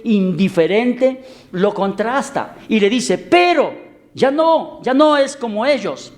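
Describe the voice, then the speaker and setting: A man preaching a sermon as pastor, with dramatic swings in loudness and pitch, stretching words for emphasis and acting out voices in his stories. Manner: acts out voices in a story.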